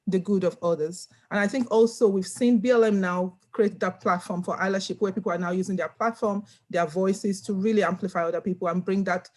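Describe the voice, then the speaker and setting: A woman's voice: medium pitch, steady tone, brisk, few pauses, a little mellow. A woman from Nigeria speaking on a video call panel, earnest and emphatic, often repeating words as she stresses a point. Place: home room.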